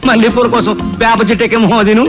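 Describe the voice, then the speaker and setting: A crotchety old father who never stops bickering and hurls made-up insults at his family. His voice sits high and the words tumble out fast. The tone is scolding and theatrical, pure film comedy. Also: level tone, music in the background. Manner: rapid scolding, mock-grand insults. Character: cantankerous old father, spouting invented insults.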